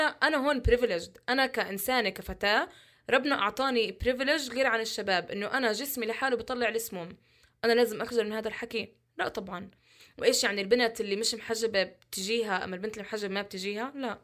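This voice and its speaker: Fast, passionate young woman. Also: fairly high pitch, fairly bright tone. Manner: passionate, emphatic, rhetorical questions. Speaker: guest, social media content creator. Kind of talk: candid interview talk.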